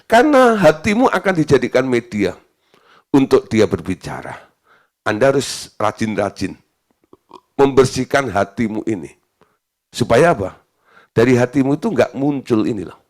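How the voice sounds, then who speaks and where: A man's voice: mid-range voice, big pitch swings, moderate pace, long pauses. A male pastor giving a sermon in a chatty, storytelling way, laughing now and then. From Indonesia.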